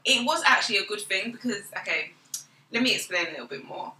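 A middle-aged woman chats hesitantly and laughs as she tells stories. Her voice sounds very bright and carries a roomy echo. She sits a little away from the mic. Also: medium pitch, fast, slight background noise. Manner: hesitant, laughs, animated retelling. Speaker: guest, host's mother. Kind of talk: casual chat. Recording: echoey, a bit far from the mic.

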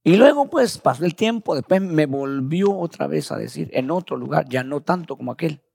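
A man's voice: a little high, expressive, moderate pace, creaky, darkish tone, breathy edge, no echo, studio quality. A man preaching as a pastor, telling his story in a conversational way and often calling his listeners brother. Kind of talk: testimony sermon.

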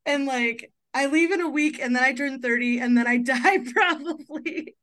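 A woman's voice: high voice, normal speed, a bit bright. Chatty, laughing woman podcast host. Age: 30s. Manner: chatty, laughs often, many fillers. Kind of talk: casual podcast chat.

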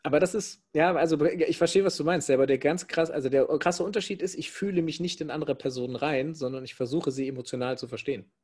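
A man in sales talking in a casual chat, emphatic and quick, often restarting his sentences. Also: on the high side, darkish tone, slightly rough. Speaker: salesperson, podcast co-host.

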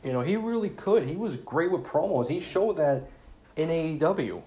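A man's voice: a little high, animated, moderate pace, dark tone. A man hosting a solo podcast, talking casually and sincerely, sounding saddened, with lots of fillers and restarts. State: saddened, subdued. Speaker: podcast host. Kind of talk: casual solo tribute talk.

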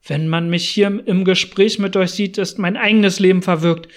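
A man's voice: sits high, steady tone, moderate pace, close to an everyday voice. A man doing a frightened old settler. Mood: anxious. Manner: urgent, anxious speech.

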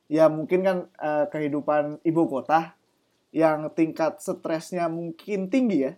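A man's voice: on the high side, steady tone, a little slow, dark tone. A young man from Java in a casual chat, speaking thick with slang and casual swearing. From Java, Indonesia.

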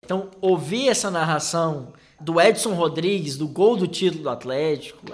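A Brazilian man telling personal stories as a football fan, in an animated, emphatic way. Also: fairly high pitch. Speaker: football fan recounting club history. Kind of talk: personal storytelling.

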